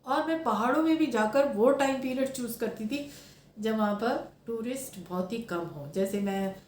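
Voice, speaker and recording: A woman's voice: on the high side, expressive, moderate pace, a little mellow. Reflective woman in an echoey room. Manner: earnest, mixes English phrases into speech. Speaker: spiritual speaker. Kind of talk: reflective personal talk.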